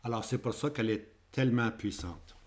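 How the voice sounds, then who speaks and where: A man's voice: medium pitch, fairly quick. Man teaching with a Québécois French accent. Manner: repetitive, checks in with "hein?" and "ok?". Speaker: Bible teacher. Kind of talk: Bible prophecy lesson with maps.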